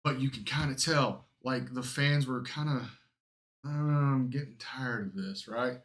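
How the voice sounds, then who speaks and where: A man's voice: mid-range voice, unhurried, fairly bright tone. A man chatting casually as a podcast co-host, blunt and opinionated, with plenty of profanity.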